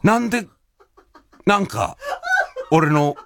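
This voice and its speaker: A man's voice: on the high side, very animated, slow, gravelly, noisy background. A man in his forties, a storyteller hosting a listener show, ranting with laughing mock indignation in casual chat. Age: 40s.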